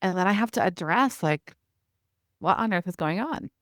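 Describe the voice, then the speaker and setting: A middle-aged woman, a parenting expert guest, talking in a conversational interview and acting out little parent-child exchanges with animated quoted asides. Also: on the low side, normal speed, no room sound, studio quality.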